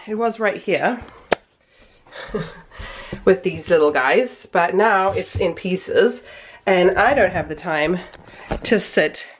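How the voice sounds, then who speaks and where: A mother of young children in her thirties rambles casually in a home vlog, teasing herself as she goes. Her medium-pitched voice is stuffy and nasal, as if her nose were pinched. A little hiss or hum sits in the recording.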